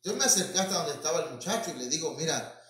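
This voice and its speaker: Brief: male pastor, higher voice, preaching from far off in a very echoey hall. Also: expressive, racing, fairly bright tone. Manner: addresses listeners as brothers, many fillers. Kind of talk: sermon with storytelling.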